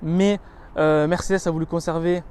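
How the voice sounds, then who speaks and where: A man with a fairly high voice walks around a car and presents it in a relaxed, chatty way. He lists feature after feature, linking them with fillers, and leans eagerly into the parts he likes. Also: normal speed, clear, resonant tone. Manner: chatty and descriptive, listing features with many connecting "donc"s and "euh"s. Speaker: car reviewer. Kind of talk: casual walkaround presentation of a car.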